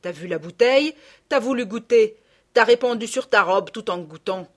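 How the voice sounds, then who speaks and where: A woman's voice: mid-range voice, normal speed, natural voice. A woman voicing a middle-aged peasant gardener woman who scolds and gossips in blunt rustic speech, read as an audiobook character. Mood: indignant.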